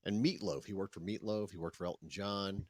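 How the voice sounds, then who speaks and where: Very deep-voiced easygoing man. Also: steady tone, a little fast. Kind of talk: casual podcast banter.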